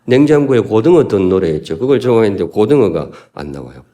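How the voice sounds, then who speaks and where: Fast and very animated, a male pastor from Gyeongsan, North Gyeongsang, South Korea, preaches in a mellow, fairly low voice. He keeps things folksy and humorous, asking the congregation questions.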